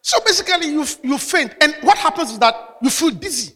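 A man's voice: very high-pitched, animated, brisk, sharp tone, big-room sound. A man preaching a sermon as pastor, calling out hallelujah between points. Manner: preaching with call-outs of hallelujah.

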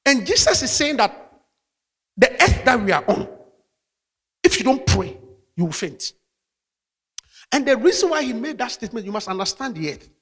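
A man preaching to his congregation in a high, animated voice that rises and falls as he drives each point home. His bright tone rings out through a church hall with a long reverb, and he punctuates his teaching with calls of hallelujah. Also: moderate pace, pauses often, slightly rough. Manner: preaching with call-outs of hallelujah. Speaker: pastor. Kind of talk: sermon.

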